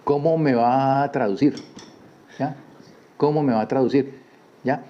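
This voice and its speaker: A man's voice: medium pitch, a little slow, dull audio. A man from Colombia who teaches a weekly Torah portion in a conversational way, often repeating words and asking listeners rhetorical questions. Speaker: Bible study teacher.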